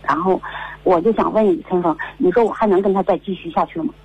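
A woman's voice: fairly low pitch, quick pace, husky. A woman, calling in to a radio advice show and telling her story with many fillers over a muffled line. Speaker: caller. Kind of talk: phone-in advice call.

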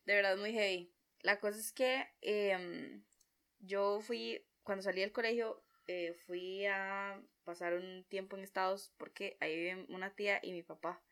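A young woman with a Costa Rican accent, telling a personal story in a chatty, expressive vlog style and acting out her own reactions. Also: medium pitch, measured pace. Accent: Costa Rican Spanish. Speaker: vlogger.

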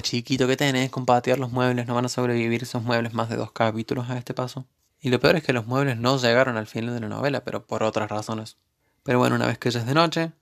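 A man with an Argentine accent recapping a TV series episode in a casual, sarcastic way with joking asides. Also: mid-range voice. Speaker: TV series reviewer.

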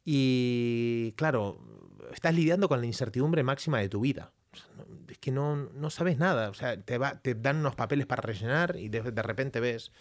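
Male co-host, casual animated storyteller. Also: medium pitch. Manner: animated storyteller, restarts, acts out voices. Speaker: podcast co-host. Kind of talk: casual chat.

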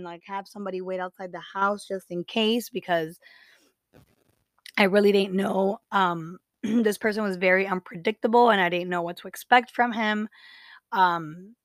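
A woman's voice: medium pitch, no room sound. A young woman hosting a podcast, telling a personal story in a casual, chatty way with lots of fillers and acted-out quotes. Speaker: podcast host.

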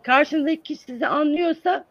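A man's voice: very high voice, fairly quick, no echo. A man who teaches English, answering interview questions in an earnest, explaining manner with many hesitant fillers. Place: lives in the United States. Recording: dull, dry sound.

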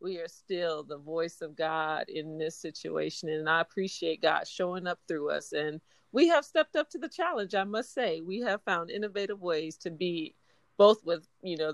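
A woman's voice: on the low side, gravelly, no room sound. A woman hospital chaplain speaking earnestly about her faith and work. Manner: warm, earnest, faith-filled. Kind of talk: casual interview chat.

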